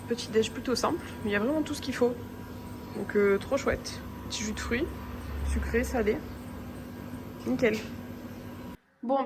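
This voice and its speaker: In a mid-range voice with a darkish tone and slight background noise, a young Frenchwoman vlogs her travels casually on a handheld camera. She's chatty and bubbly, saying "euh" often and gushing "trop bon," filming outdoors and in a hotel room near a lake.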